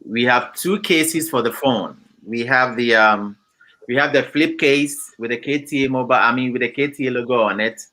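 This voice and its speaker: A man from Ghana, a company founder, explaining his product in an interview in a measured way, with many pauses and fillers. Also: medium pitch, pushed and bright, low-quality recording.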